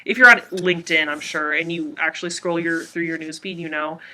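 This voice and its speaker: Casting: female podcast co-host, sharp forceful tone, voice through a face mask, casual and sarcastic. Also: deep voice, fairly even intonation, brisk. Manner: irreverent, sarcastic, swears freely. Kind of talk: casual comedic podcast chat.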